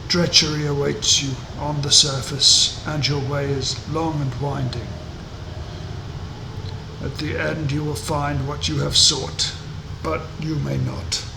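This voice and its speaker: A man voicing a grave, cursed stone face from a game, speaking slowly and portentously like an ancient talking tree. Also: little pitch movement. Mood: solemn warning. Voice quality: creaking, rumbling. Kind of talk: video game dialogue read aloud. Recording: noisy, roomy home recording.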